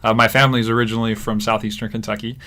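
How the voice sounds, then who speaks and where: A man's voice: lowish voice, rapid-fire. A young man raised in Africa, a graduate student talking through a casual studio interview with lots of fillers. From Zimbabwe and Kenya. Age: young adult. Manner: relaxed, rambling with fillers. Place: radio studio.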